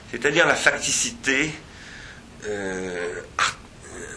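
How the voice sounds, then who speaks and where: Low, bright-toned man giving a seminar talk. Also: a little hiss or hum. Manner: digressive and reflective, with many hesitations and restarts. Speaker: philosopher speaking at a seminar.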